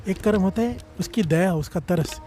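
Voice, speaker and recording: A man's voice: high voice, normal speed, mellow, soft background music. A man preaching a devotional sermon, fervently leading the congregation in call-and-response and sometimes slipping into sung phrases.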